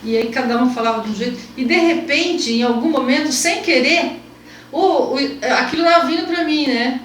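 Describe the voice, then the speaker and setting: A woman host telling an emotional personal story in conversation, animated and repetitive, her pitch jumping as she gets moved. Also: moderate pace. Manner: animated, repeats herself, pitch jumps when moved. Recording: echoey room, mic at a distance, faint background hum.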